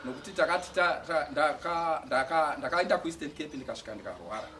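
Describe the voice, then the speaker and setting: A man giving a church testimony, speaking haltingly and with feeling, often restarting words. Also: on the high side, lively intonation, pushed and bright. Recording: distant mic with faint outdoor noise.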